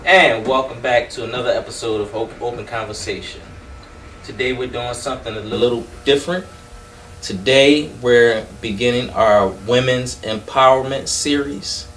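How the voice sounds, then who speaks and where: A man's voice: mid-range voice, moderate pace, a bit bright, reverberant, far from the mic, soft background music, poor audio. A man with an African accent co-hosting a talk show and introducing the guests. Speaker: co-host. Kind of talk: casual chat and show introduction.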